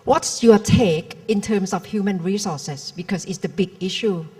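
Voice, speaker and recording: A woman's voice: medium pitch, a little slow, dark tone. A woman moderating a conference panel, posing pointed questions. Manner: probing, poses pointed questions.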